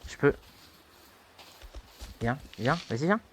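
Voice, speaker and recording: A young man giving casual let's-play commentary, taunting and excitable, with sudden high-pitched yelps. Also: slow pace, a little hiss or hum. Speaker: gaming youtuber.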